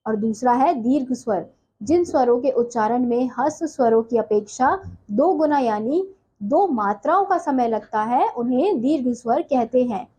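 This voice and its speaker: Female grammar teacher, self-questioning classroom delivery, slightly husky, dark tone. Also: a little high, animated, rough recording. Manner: asks and answers her own questions, slow and deliberate. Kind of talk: classroom lesson explaining.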